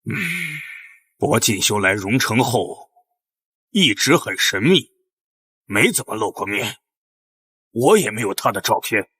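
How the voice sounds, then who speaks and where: A stern old patriarch. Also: male voice, lowish voice, animated, a bit bright, slightly rough, heavily acted. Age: older. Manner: measured, commanding. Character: stern elderly patriarch of a rich family. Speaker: grandfather, family head. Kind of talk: TV drama acting.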